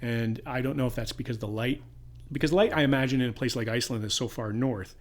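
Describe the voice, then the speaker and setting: A man co-hosting a podcast, chatting casually about a crime series, rambling with restarts and getting animated when he retells scenes. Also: mid-range voice, fast talker. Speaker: podcast co-host. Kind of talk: casual review chat.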